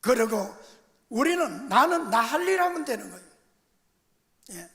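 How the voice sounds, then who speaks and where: An older man preaching a sermon as senior pastor. He tells stories, moving between soft asides and emphatic bursts. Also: very high-pitched, very animated, measured pace. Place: church sanctuary. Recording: reverberant church sanctuary.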